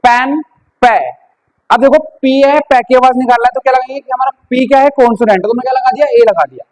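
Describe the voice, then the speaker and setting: A man's voice: extremely high pitch, fairly even intonation, fast talker, darkish tone, low-quality recording. A man teaching English grammar, asking questions and answering them himself. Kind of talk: classroom grammar lesson.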